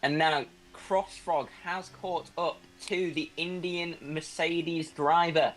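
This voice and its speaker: A young man from the north of England calls a sim racing league in a Northern accent, his voice sitting a little high. He jokes between moments and jumps loud when cars touch. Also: fairly even intonation, slow pace, a little hiss or hum. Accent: Northern English. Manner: jokey, bursts up loud on contact. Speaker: race commentator.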